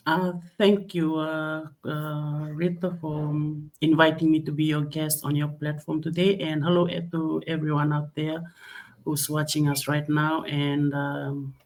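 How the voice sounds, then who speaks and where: Interview guest: woman from Fiji, hesitant delivery, flat even pitch. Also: measured pace. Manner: hesitant, many fillers. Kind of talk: online interview.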